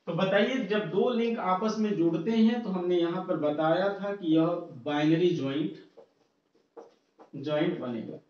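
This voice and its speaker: A male engineering teacher lecturing with a slightly high voice and a slow, deliberate delivery. He counts through examples step by step, dropping English technical terms in as he goes. He is heard from well back in a very echoey room, with a muffled lo-fi sound. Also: a little mellow. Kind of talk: classroom lecture. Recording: far-off, roomy, muffled lo-fi sound.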